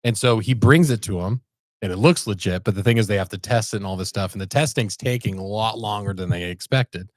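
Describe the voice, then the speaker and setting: A man's voice: fairly low pitch, a little fast, no echo. A man co-hosting a podcast, casually retelling a story in a rambling, laid-back way with lots of fillers. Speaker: podcast co-host.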